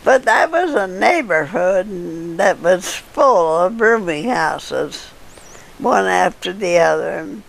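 An older woman being interviewed, telling old neighborhood stories in a halting way with fillers and chuckles. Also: lowish voice, lively intonation, gravelly. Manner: halting storyteller with frequent laughs and fillers. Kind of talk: casual reminiscing.

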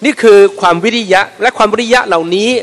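A man with a fairly high voice teaches a religious class in a casual, storytelling way, now and then slipping into little acted-out scenes. His voice rings through the long reverb of a large mosque prayer hall. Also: quick pace. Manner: lively storyteller who acts out little everyday scenes. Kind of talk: informal religious lecture.

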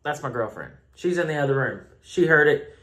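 A man's voice: a little high, lively intonation, fairly quick, bright, forceful tone. A man with a Southern US accent casually reviewing a drink on a phone camera at home, chatty, rambling and self-mocking. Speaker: beer reviewer. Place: home room.

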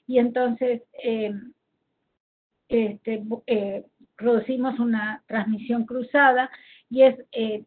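Over a thin, phone-like online call, a health professional from Argentina presents seminar slides in Argentine-accented Spanish. Her voice sits high, and she speaks haltingly while hunting for the right words.

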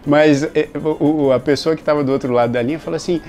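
A man hosting and telling a funny family story in a casual, animated way, often laughing and filling with tags. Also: on the high side, quick pace, faint music behind. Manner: animated, laughing, many fillers. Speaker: host.

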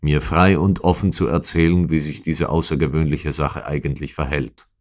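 A man voicing a calm, commanding detective who speaks briskly and quietly, in an audiobook reading. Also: very deep voice. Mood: urgent. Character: calm, commanding male detective, middle-aged.

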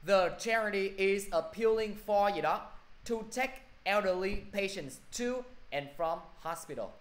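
A man's voice: sits high, a little slow. Male teacher in an echoey classroom. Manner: quizzing students, repeating "được chưa?". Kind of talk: classroom English review lesson.

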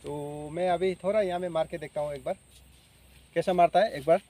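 A young man narrates his fishing trip in a chatty, high voice, talking straight to his viewers. He is outdoors beside a rural pond and speaks into a handheld camera. His delivery is relaxed vlog chat. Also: fairly quick. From Assam, India. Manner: chatty, addresses viewers directly. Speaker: fishing vlogger.

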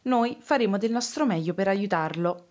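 A woman voicing a caring female frog shopkeeper, gentle and eager to help, in a children's storybook reading. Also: medium pitch, normal speed, highs cut off, close to an everyday voice.

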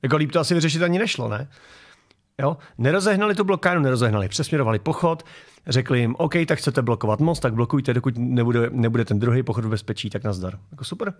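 A man hosting a political commentary show from his garage, mocking video clips in a sarcastic tone. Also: mid-range voice.

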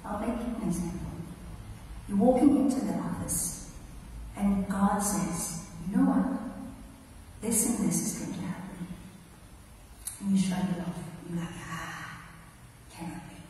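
With a dark, mid-range voice, this woman preaches a little slowly and leaves long pauses, conversing with the congregation through emphatic rhetorical questions. She stands at the lectern of a large sanctuary, and the mic there captures her distantly in the echo, with faint noise.

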